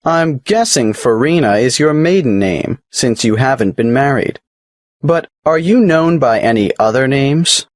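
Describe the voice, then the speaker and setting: A woman's voice: very deep voice, expressive, a little mellow, dry recording, clean studio sound. A woman playing a businesslike office clerk who asks an applicant for details in a scripted exam dialogue. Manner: brisk, businesslike questioning.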